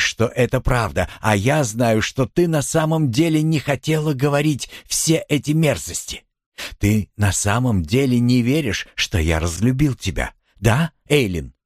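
A man voicing a calculating middle-aged husband in an audiobook, pleading in a measured, persuasive way. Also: mid-range voice, animated, no echo, clean studio sound. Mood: coaxing. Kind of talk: audiobook character voice.

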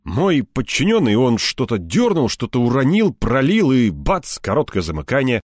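A man voicing a nervous, fawning middle-aged male police colonel who talks loudly and eagerly. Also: mid-range voice, wildly swooping pitch, normal speed, no room sound, studio quality, voice pushed up. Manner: flustered, eager to please, loud.

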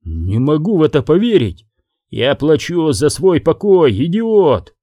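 A male audiobook reader voicing a furious middle-aged crime boss who shouts and bites off each word. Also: fairly high pitch, sing-song, unhurried, no room sound, voice pushed up, exaggerated voice.

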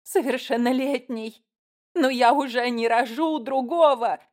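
A woman reading an audiobook, voicing a distraught middle-aged mother who shouts and sobs. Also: fairly even intonation, a little slow. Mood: sobbing, shouting. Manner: shrill, tearful shouting.

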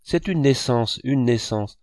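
A man's voice: medium pitch, lively intonation, measured pace, darkish tone, no room sound, clean studio sound, voice pushed up, natural voice. A man reading the lines of a tormented, grandiose man who believes he is Christ, pouring out feverish pleas. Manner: pleading, feverish outpourings. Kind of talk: audiobook reading.

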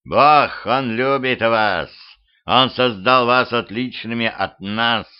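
A man voicing a cold, menacing skeletal beast with a wolf's face, speaking in a slow growl on a muffled lo-fi home recording. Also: medium pitch, smooth, lightly acted.

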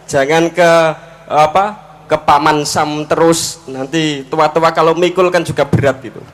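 A man giving a casual, joking speech to an audience, slow and halting with frequent fillers. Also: a little high, fairly even intonation, fairly bright tone. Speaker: speaker at a forum.

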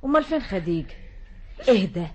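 An actress playing a kindly wealthy Egyptian village lady who chides the girl warmly but firmly, in a 1960s radio drama. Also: mid-range voice, sing-song, quick pace, close to an everyday voice. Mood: gently chiding. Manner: warm but firm.

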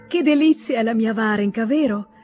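A warm, lively young wife from a read-aloud novel, voiced by a woman narrator, speaking up with affectionate animation. Her tone stays mellow rather than sharp, with soft music faintly under the reading. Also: fairly high pitch, slow, voice pushed up.

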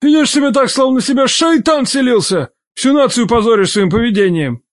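A woman reading aloud and voicing a furious, domineering young man who lectures and shouts, in a lowered voice. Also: animated, a little fast. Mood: raging, scolding. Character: furious young male relative, domineering and scolding.

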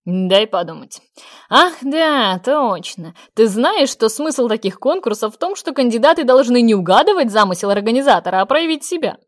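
A woman's voice: a little high, normal speed, no room sound, studio quality, voice pushed up, close to an everyday voice. A woman doing a sly, teasing young mage. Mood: mock-clever. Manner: teasing, wry, calmly confident.

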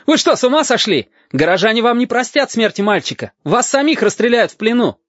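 A man voicing an adult officer urgently shouting at sailors, in an audiobook reading. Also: very high-pitched, sing-song, fairly quick, no echo, pitched above the performer's own voice, full character voice. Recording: dull, dry audiobook recording.

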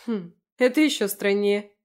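A woman's voice: medium pitch, normal speed, darkish tone, smooth, natural voice. A woman voicing a brash, sarcastic, chatty young woman in an audiobook, teasing and mocking. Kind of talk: audiobook character voice.

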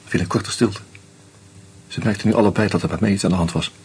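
An actor plays Hans, a bitter drunk who narrates in the first person and sardonically confronts a murderer in a radio play. His low, darkish voice is fast with fairly even intonation, and a little hiss or hum sits in the recording.

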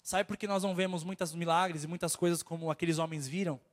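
Fervent nasal Brazilian preacher, high voice. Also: male voice, fairly even intonation, quick pace. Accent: Brazilian Portuguese. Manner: fervent, exhorting, keeps repeating "my brother". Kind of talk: sermon.

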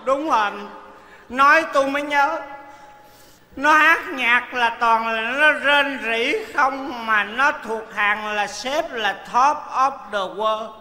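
A penniless male folk-opera actor who teases and scolds his partner, speaking. His voice is very high and very bright. The sound echoes through a large hall on a stage recording. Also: slow, heavily acted. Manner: teasing, exasperated, loud and playful. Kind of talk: stage comedy sketch.

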